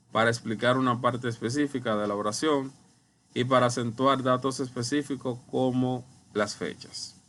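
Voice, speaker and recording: A man teaching a recorded online lesson over slides, explaining slowly and deliberately, speaking straight to his viewers. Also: mid-range voice, fairly bright tone. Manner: slow, deliberate explaining, addresses viewers as ustedes. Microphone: computer mic while writing with a mouse.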